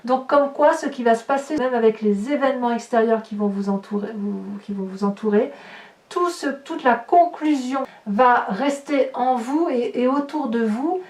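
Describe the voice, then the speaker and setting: A woman's voice: a little high, normal speed, a little mellow. A woman giving a tarot reading, musing aloud with hesitations and rhetorical questions as she turns the cards. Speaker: tarot reader. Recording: roomy, distant mic.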